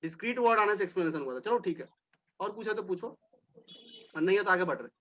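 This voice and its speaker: A man's voice: high-pitched, expressive, quick pace, pushed and bright, muffled recording. A male teacher giving a classroom lecture, explaining step by step, repeating points and speaking directly to his students.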